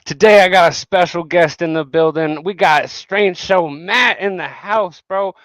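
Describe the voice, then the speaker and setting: A man's voice: high voice, unhurried, a bit bright, no room sound. A man hosting a casual podcast interview, hyped and slangy, swearing freely. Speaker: host.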